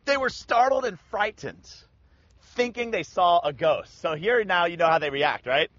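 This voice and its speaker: A Bible teacher with a high-sitting voice retells a scripture passage casually at normal speed, animatedly acting out its characters in slangy voices. The recording is dull and lo-fi, with no echo.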